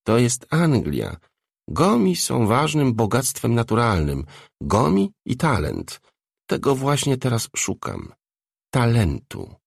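A man's voice: mid-range voice, very animated, slow pace, vocal fry, breathy edge, no echo, clean studio sound, pitched above the performer's own voice, heavily acted. A man voicing a tough, mocking, streetwise woman in a storybook reading, blunt and needling. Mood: brusque.

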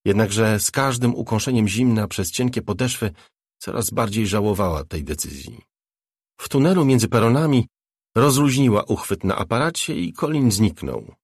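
A man reading a novel aloud as an audiobook narrator, in a measured, even delivery. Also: fairly low pitch, breathy edge, no room sound, studio quality. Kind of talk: scripted narration.

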